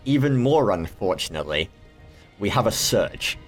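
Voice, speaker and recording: A man hosting a casual gaming podcast, chatty and rambling with quick asides. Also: fairly low pitch, sing-song, faint music behind. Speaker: podcast host. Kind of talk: casual chat.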